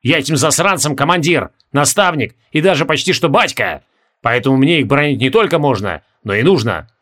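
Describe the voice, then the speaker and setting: A man voicing a loud, gruff male guard captain who scolds his soldiers, in an audiobook. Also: medium pitch, expressive, fairly quick. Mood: scolding. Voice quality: gruff, blustering.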